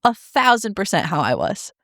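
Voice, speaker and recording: A woman chatting on a casual home podcast, rambling easily and trailing off between thoughts. Her voice sits at a middling pitch, dry and close to the mic, with no room echo. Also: moderate pace. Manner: relaxed, rambling, many "like" fillers. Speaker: podcast co-host. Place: home in Southeast Michigan.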